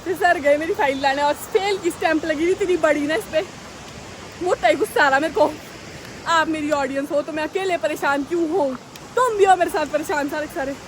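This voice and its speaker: A young woman with a high, bright voice talks to her phone as she walks outdoors, chatty, self-mocking and a little dramatic. Faint traffic hums behind her. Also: a little fast, poor audio. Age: young adult. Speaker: vlogger. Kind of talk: casual vlog talk. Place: outdoors on a road.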